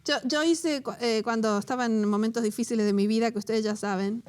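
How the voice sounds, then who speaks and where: With a slightly high, clean tone, a woman from Latin America co-hosts a Bible study show and guides a conversational teaching. She is animated and quick to laugh, though a personal story moves her to emotion.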